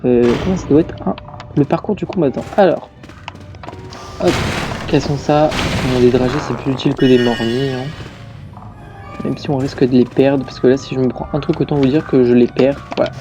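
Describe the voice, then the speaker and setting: A let's-play gamer, tired and yawning, keeps up rambling, chatty commentary over game music. His mid-range voice moves at a normal speed.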